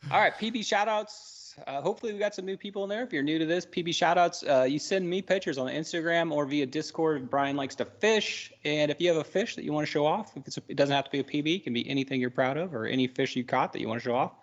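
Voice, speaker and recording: A man co-hosting a live fishing talk show, chatty and instructive, his voice a little worn. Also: a little high. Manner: chatty, instructive, quick asides. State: losing his voice. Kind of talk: casual live-stream chat. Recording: dull lo-fi stream audio.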